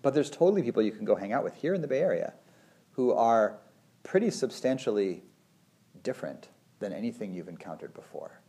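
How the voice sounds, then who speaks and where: A man's voice: medium pitch, animated, brisk, mellow. A man in his forties, a meditation teacher, talking in a thoughtful, meandering way, full of "you know" and "like". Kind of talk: casual conversation.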